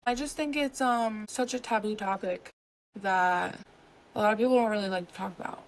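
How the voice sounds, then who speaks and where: Young woman podcast co-host, casual joking chat, mid-pitched voice, lots of fillers. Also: normal speed, poor audio. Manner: joking, supportive, many fillers.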